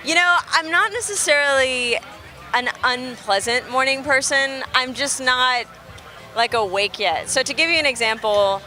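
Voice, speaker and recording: A young woman from Texas, a musician being interviewed outdoors, telling stories in an animated, chatty way and laughing easily. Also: high voice, normal speed. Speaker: musician guest. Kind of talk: casual interview chat. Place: outdoors at a festival near traffic.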